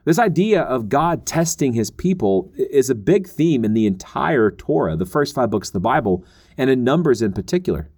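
A man's voice: mid-range voice, sing-song, moderate pace, a little mellow, breathy edge. An earnest man teaching on a podcast, laying out his points patiently in a mid-range voice. He now and then slips into the voices of the people he quotes. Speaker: Bible teacher.

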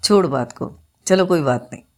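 A man's voice: on the high side, expressive, moderate pace, darkish tone. A woman doing an easygoing old-style merchant. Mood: placating. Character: middle-aged merchant, easygoing master. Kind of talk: folk tale storytelling.

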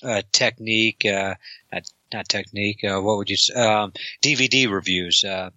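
A man co-hosting a casual podcast, halting speech full of fillers. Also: on the low side, steady tone, sharp tone, no room sound, highs cut off. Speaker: podcast co-host.

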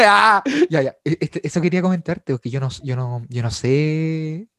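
A young Chilean man telling a story in a casual chat, animated, laughing and full of slang. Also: fairly high pitch, moderate pace, dry recording. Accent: Chilean Spanish.

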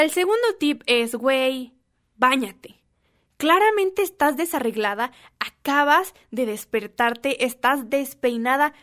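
A woman's voice: high voice, a bit bright. A young woman with a Mexican accent, talking casually and encouragingly to her viewers in a playful, slangy way. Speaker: vlogger. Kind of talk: casual self-help talk to camera.

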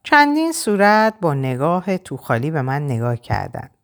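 A woman narrating an audiobook in an expressive, dramatic reading style. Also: low voice.

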